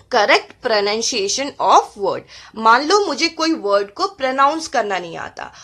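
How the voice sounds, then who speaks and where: A woman's voice: sits high, bright, forceful tone. A woman teaching an exam-prep lesson. She reads points from slides and then explains each one step by step. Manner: reads English points slowly, then explains them in Hindi.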